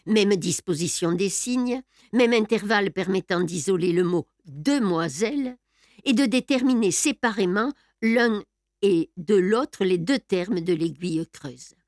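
Slow-reading woman narrator. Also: medium pitch, dry recording, clean studio sound. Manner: even, measured reading. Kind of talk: audiobook narration of a novel.

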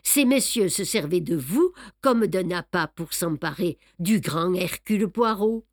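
A woman's voice: lowish voice, measured pace, no echo, studio quality. A woman putting on a smug older male detective. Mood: boastful. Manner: boastful, explaining, lively emphasis. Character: fussy, self-satisfied older male Belgian detective. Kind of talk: audiobook reading.

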